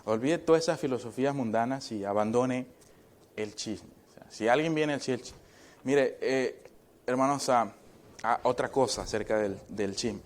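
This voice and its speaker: In a church, a male pastor preaches conversationally at a normal speed, constantly checking in with the congregation through short questions and occasionally slipping in jokes. His voice is at an ordinary middle pitch.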